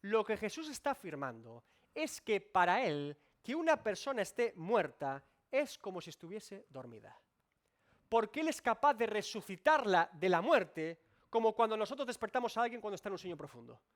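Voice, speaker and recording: A male pastor delivers a sermon in a fairly high voice. His pitch swings widely, rising and falling as he presses his points. He speaks directly to the congregation. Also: very animated, normal speed. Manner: emphatic preaching with sweeping rises and drops. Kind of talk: expository sermon. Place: church.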